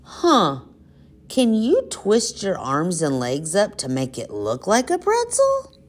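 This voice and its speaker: A woman's voice: sits low, slow. A woman hosting school announcements in the manner of a kids show host, exclamatory and talking straight to children. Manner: animated, exclamatory, talks to children.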